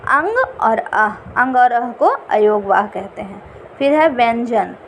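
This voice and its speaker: Slow, high-voiced woman teaching. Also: expressive, a little hiss or hum. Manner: slow, repeats each definition. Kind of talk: exam-prep lesson.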